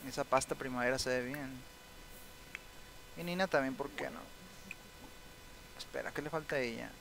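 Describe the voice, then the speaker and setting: A man's voice: medium pitch, normal speed, vocal fry, fairly bright tone, a little hiss or hum, rough recording. A young man casually commenting on his own gameplay. He chats along, reads the game's text aloud and often breaks into sympathetic exclamations. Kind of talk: casual let's-play commentary.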